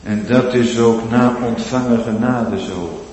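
A man preaching a sermon, swinging between loud pleading cries and hushed, drawn-out low phrases. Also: a little hiss or hum. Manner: slow, drawn-out emphatic delivery. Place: large church. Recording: echoey church hall with long reverb.

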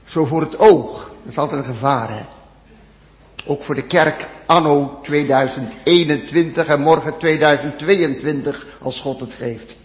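A man preaching a sermon to his congregation, repeating phrases with emphasis, swinging from loud peaks to near-whispered drops. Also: on the high side, a little slow, in a large hall. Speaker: pastor.

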